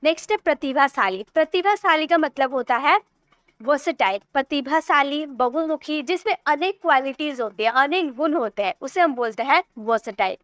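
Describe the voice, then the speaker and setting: A woman with an Indian accent teaching English vocabulary, repeating each word and reading example sentences out slowly. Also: high voice, animated, a bit bright, no echo, studio quality. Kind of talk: vocabulary lesson.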